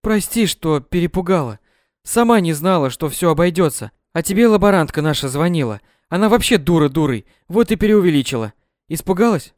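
A loud, domineering middle-aged mother, put on by a man in a high, nagging register for a storybook reading. She scolds and overdramatizes, her voice leaping up and down. The sound is close and dry. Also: lively intonation, brisk, no echo, close to an everyday voice. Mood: feebly pleading. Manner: shrill, scolding, melodramatic.

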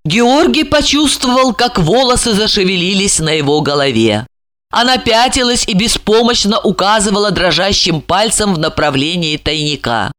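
Male narrator, animated audiobook read, dry close sound. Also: sits high, normal speed, no room sound.

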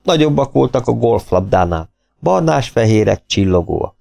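Male audiobook narrator, low gravelly dark voice, measured and wry. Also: very animated.

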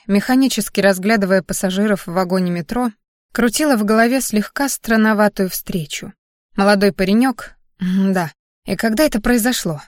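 A woman reads a novel aloud in the first person, in an even, conversational storytelling manner. Her voice sits in a middle pitch. The recording is dry and close, with no room sound. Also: dry recording. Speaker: audiobook narrator. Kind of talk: first-person audiobook narration.

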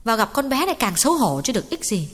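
A woman's voice: fairly high pitch, very animated, rapid-fire. A woman voicing a betrayed wife who speaks in a weary, subdued, instructing way. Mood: resigned. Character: wounded older wife, quiet and resigned. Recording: reverberant reading with guitar music behind.

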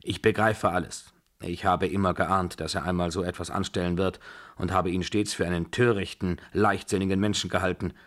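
A man voicing an imperious, quick-tempered old grandmother in a radio drama reading, scolding and giving orders. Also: low-pitched, steady tone, lightly acted. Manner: scolding, commanding, abrupt.

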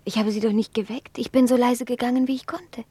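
An actress playing an impulsive, ardent young merchant's daughter in a 1950s German radio play, often speaking in a breathy half-whisper. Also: female voice, fairly high pitch, fairly even intonation, quick pace, mellow. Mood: tender.

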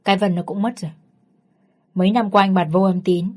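A woman's voice: mid-range voice, steady tone, fairly quick, darkish tone, natural voice. Woman voicing a weary stern old grandmother. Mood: reproachful. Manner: weary, reproachful. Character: stern grieving elderly grandmother.

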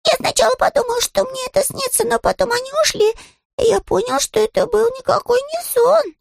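A woman's voice: very high voice, fairly quick, gravelly, no echo, studio quality, voice pushed up, full character voice. A woman voicing a small, polite, earnest male bear cub in a read-aloud storybook. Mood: apologetic.

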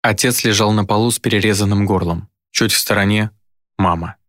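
Man, low voice, dry close sound, measured audiobook narration. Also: fairly even intonation, a bit bright, no echo. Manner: measured, dramatic reading. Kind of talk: first-person audiobook narration.

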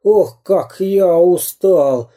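A man voicing a sneaky male spy villain in a storybook reading, shrill, screeching and taunting, drawing his words out. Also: drawn-out words, dark tone. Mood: shrieking.

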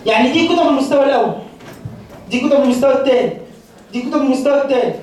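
Fast, high Egyptian woman teacher in an echoey hall. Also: a little mellow, slight background noise. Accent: Egyptian Arabic. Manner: brisk, keeps checking in with the class. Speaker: Quran teacher. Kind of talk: classroom lecture. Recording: very echoey hall, distant mic.

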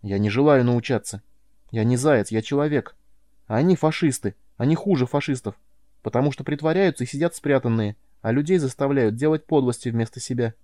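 A man reading an audiobook voices a frightened, defiant teenage boy who shouts in panic. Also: medium pitch, a little fast, no echo, voice pushed up, lightly acted. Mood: indignant.

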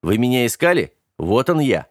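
A man's voice: mid-range voice, very animated, normal speed, dry recording, clean studio sound, voice pushed up. A man voicing a young man who urgently orders his friend to flee, commanding and pushing. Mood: forced cheerful. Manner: urgent, commanding, forced cheer.

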